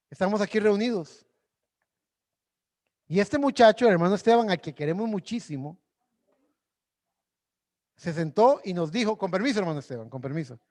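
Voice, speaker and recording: A male pastor preaching a sermon, swinging from loud exhortation to hushed prayer. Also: high-pitched, long reverb tail. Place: church sanctuary.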